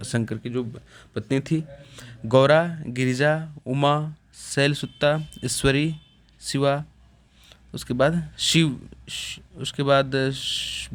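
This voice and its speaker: A man teaching a lesson, reading out a list of words with a pause after each one. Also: mid-range voice. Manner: steady listing, pausing after each word.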